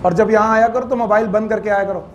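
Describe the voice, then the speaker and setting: Speaking fast in a high voice with fairly even intonation, a man lectures a biology class, mixing English terms into his Hindi as he quizzes, scolds, and jokes with students. The highs are cut off and there's slight background noise.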